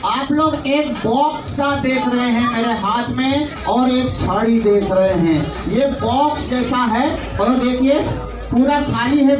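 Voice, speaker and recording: A man with an Indian accent performing as a children's party magician, giving live show patter and chanting magic words to his audience. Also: very high-pitched. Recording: echoey, distant mic, noisy event.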